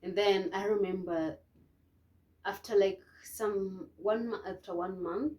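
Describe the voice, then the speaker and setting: A young woman telling a personal story to camera, emotional and hesitant, with many restarts and soft, trailing phrases. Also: medium pitch, steady tone, a little slow. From Kenya. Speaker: vlogger.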